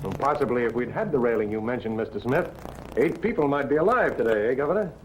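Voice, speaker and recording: An actor playing a touchy, formal police colonel in 1940s film acting, with clipped, proper speech. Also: male voice, mid-range voice, lively intonation, fast talker, natural voice, poor audio. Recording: old film soundtrack with faint hiss.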